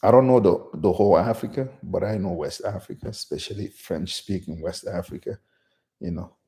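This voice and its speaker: Gravelly low-voiced man from Guinea. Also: brisk, dark tone. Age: middle-aged. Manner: unscripted, many restarts and "you know". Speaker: channel host. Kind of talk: casual solo live stream.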